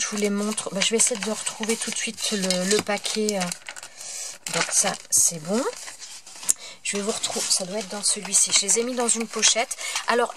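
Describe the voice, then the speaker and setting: A woman's voice: a little high, noisy background. A woman presenting a casual craft supply haul at home, chatting freely, apologizing and stumbling over her words now and then. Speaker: craft vlogger. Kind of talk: casual product haul review.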